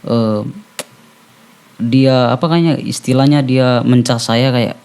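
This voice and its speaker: Podcast guest: male rapper, halting, restarts a lot, everyday mid voice. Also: medium pitch, fairly even intonation, darkish tone, clear, resonant tone. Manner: halting, searching for words, frequent restarts. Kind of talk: casual chat.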